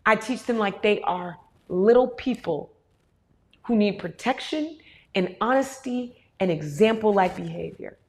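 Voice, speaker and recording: A woman in her thirties, a host answering audience questions in a candid, animated way and swearing often. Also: mid-range voice, unhurried. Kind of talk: casual talk to an audience.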